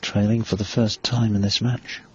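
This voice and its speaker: A man giving quiet, measured sports commentary as a snooker commentator. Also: on the low side, level tone, husky. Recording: dull lo-fi TV broadcast audio.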